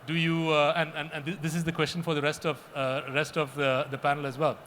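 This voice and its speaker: Earnest man, halting panel remarks. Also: a little high, level tone, a bit bright, slight background noise. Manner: earnest, repeats himself often, halting restarts.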